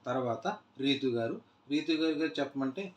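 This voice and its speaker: A man's voice: mid-range voice, lively intonation, moderate pace. A man casually recapping a reality show episode, retelling scenes loosely with many "aa" fillers and restarts. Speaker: TV show reviewer. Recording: echoey room.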